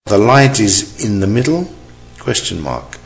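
Male dictation reader, deep-ish and unhurried, deliberate delivery for a language lesson. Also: big pitch swings, vocal fry, poor audio. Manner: measured, deliberate, each phrase said three times. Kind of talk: slow repeated dictation with spoken punctuation.

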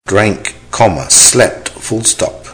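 Male dictation reader, deep-ish and unhurried, deliberate delivery for a language lesson. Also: lively intonation, fairly bright tone, low-quality recording. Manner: measured, deliberate, each phrase said three times. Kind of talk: slow repeated dictation with spoken punctuation.

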